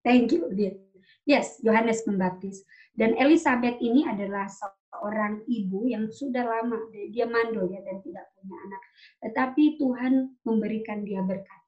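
A woman's voice: on the high side, moderate pace, darkish tone. A woman preaching and retelling a story to her congregation in a chatty way, with many fillers and tag questions. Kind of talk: sermon storytelling. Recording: dull lo-fi sound.

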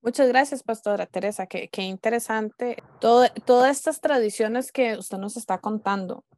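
A woman moderating a panel discussion, courteous and measured. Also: fairly high pitch, darkish tone, no echo.

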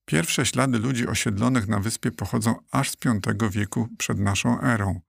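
Gravelly man narrating a children's book. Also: lowish voice, moderate pace, no echo, studio quality. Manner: steady, clear storytelling. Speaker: audiobook narrator. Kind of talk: scripted storybook narration.

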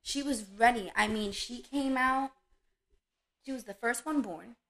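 A woman talks in an easy, casual chat, her voice carrying a gravelly edge. She tells stories with lively energy and slips into playful voices for her dogs. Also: a little high, unhurried, poor audio. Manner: animated storyteller, acts out her dog's voice. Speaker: dog breeder.

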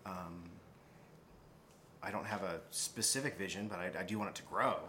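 A man's voice: low-pitched, normal speed, pushed and bright, a little hiss or hum. A man from Las Vegas speaking in a laid-back, easygoing way in a casual group chat. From Las Vegas, Nevada.

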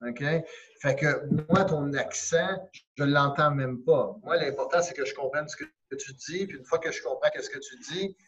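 A man with a Québécois French accent, a karate instructor chatting as an interview guest in a warm, encouraging way and slipping in English phrases. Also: fairly high pitch, normal speed, highs cut off. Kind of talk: casual interview chat.

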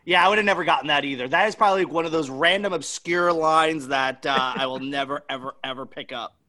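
A man's voice: fairly high pitch, fairly quick, sharp tone. A man playing a casual movie quote guessing game with friends, laughing often. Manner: laughing, easygoing. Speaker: quiz game player. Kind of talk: casual chat.

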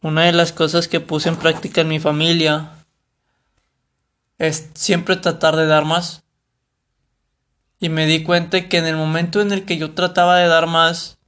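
A man's voice: a little high, fairly bright tone. A young man with a Mexican Spanish accent, talking casually to camera about a book, rambling and correcting himself. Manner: rambling, self-correcting, colloquial. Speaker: vlogger reviewing a book.

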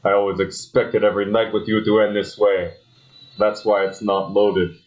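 A man's voice: fairly low pitch, little pitch movement, moderate pace, darkish tone, close to an everyday voice. Man playing a smug aristocratic husband on lo-fi audio. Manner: smooth, smug, theatrical. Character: suave, calculating aristocratic husband.

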